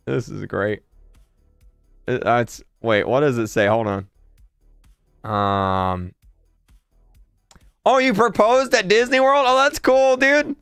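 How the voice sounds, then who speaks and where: A man in his twenties hosting a casual livestream, excitable and quick to laugh, repeating words as he reacts. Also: mid-range voice, clean tone, no echo, studio quality, faint music behind. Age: 20s. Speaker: livestream host.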